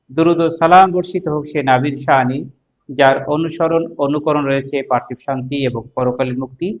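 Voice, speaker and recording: A man teaching Quran recitation in a class, explaining step by step and spelling out letters and vowel marks slowly. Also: a little high, muffled recording. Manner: explains step by step, asks the class and answers himself. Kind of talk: classroom lesson on tajweed.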